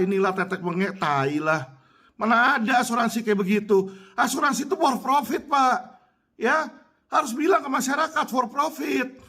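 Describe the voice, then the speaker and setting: High-voiced heated man scolding. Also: bright, forceful tone. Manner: heated, accusatory, mixes English phrases. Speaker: lawyer addressing a minister. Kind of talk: impassioned monologue.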